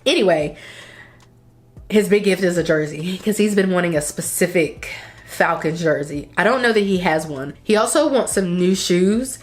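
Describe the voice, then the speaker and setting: This woman in her thirties vlogs in casual conversation, her fairly low voice expressive and moderately paced. She sounds blocked up and congested, drifting from topic to topic with coughs and sighs.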